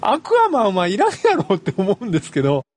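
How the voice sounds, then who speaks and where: A man with a Kansai accent hosting a casual film chat, chatty and quick with backchannels. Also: high-pitched, huge pitch swings, dry recording. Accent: Kansai Japanese. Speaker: podcast host.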